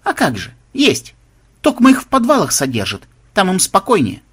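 A man's voice: sits high, wildly swooping pitch, moderate pace, fairly bright tone, slightly rough, voice pushed up, heavily acted. A man voicing an obliging male temple guide with a folksy, reassuring manner.

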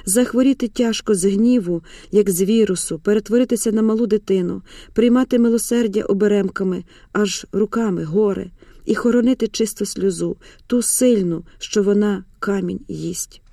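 An audiobook narrator reading a literary novel in an expressive, theatrical way. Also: medium pitch, normal speed, vocal fry, no room sound, clean studio sound.

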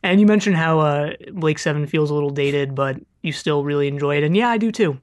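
Laughing Californian man, somewhat high voice. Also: a little fast. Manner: laughs often, hesitant with fillers. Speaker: podcast co-host. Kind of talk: casual chat.

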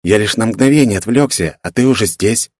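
A man doing a quiet, unflappable warrior. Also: fairly low pitch, no room sound, clean studio sound, voice pushed up, close to an everyday voice. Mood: calm. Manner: quiet, measured, reserved.

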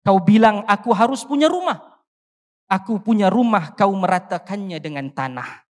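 A convention panel speaker, reciting a poem with declamatory, rhetorical rises and falls before giving closing remarks. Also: mid-range voice. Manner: declamatory, rhetorical rise and fall. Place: large convention hall. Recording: long hall reverb.

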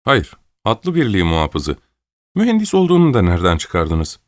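A man's voice: deep voice, wildly swooping pitch, moderate pace, dry recording, studio quality. A man reading an audiobook, voicing a young officer who speaks lightly and teasingly.

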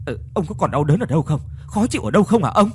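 A man voicing an anxious elderly wife, asking quick, fretful questions. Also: on the high side, very animated, a little hiss or hum, pitched above the performer's own voice. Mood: worried.

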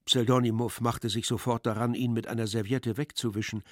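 A man narrating a classic story in a measured, expressive literary reading. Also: medium pitch, dry recording, studio quality.

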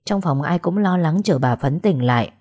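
A woman narrating a family drama story in a steady, dramatic storytelling manner. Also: sits low, moderate pace.

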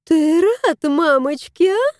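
A woman's voice: very high voice, lively intonation, slow pace, a little mellow, no echo, studio quality, pitched above the performer's own voice, heavily acted. A woman voicing a plump, fussy middle-aged lady who coos in baby talk at a cat. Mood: cooing. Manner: cooing baby talk, whiny.

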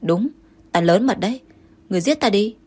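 A fiery young consort, proud and jealous, snaps back in sharp, indignant retorts, as a woman puts her on. The voice sits at an ordinary middle height with a soft, husky grain. It plays as an audiobook role. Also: mid-range voice, a little fast, natural voice. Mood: furious.

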